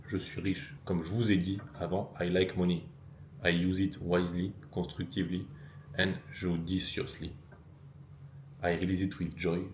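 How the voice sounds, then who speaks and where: Self-assured man, deep voice, echoey room. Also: darkish tone, slight background noise. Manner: self-assured, emphatic, repeats key phrases. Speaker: fitness and business coach. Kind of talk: motivational vlog monologue. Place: lives abroad in Bangkok.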